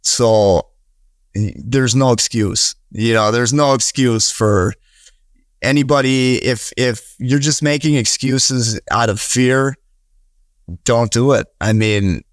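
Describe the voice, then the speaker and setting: Talking slowly in a mid-range voice, this thirtysomething investor from Wisconsin answers podcast questions earnestly yet ramblingly, full of fillers and restarts. The sound is clean studio audio without room sound.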